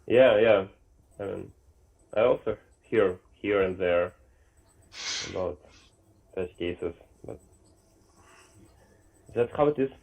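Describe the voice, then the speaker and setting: A man from Ukraine, chatting casually in English on a video call in short, relaxed replies. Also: low voice, takes it slowly, vocal fry, pauses often, rough recording. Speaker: conversation club participant. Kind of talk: casual online chat in English.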